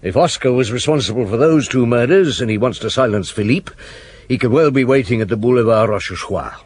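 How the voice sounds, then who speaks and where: A man acting a seasoned chief inspector in a radio drama. His mid-pitched voice moves widely up and down, yet he stays terse, dry and authoritative, with a fatherly streak. Faint noise sits behind him. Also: lively intonation, brisk, lightly acted. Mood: terse, commanding. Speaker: lead detective in a radio drama.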